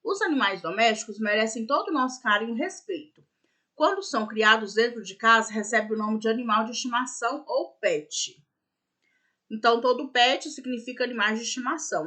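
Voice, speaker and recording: A schoolteacher with a bright, clear voice that sits a little high for a woman. She talks young pupils through their worksheets with patience, spells words out letter by letter, and keeps checking in with them. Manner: checks in with "né?" and "tá bom?". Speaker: primary school teacher. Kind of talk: recorded remote class explanation.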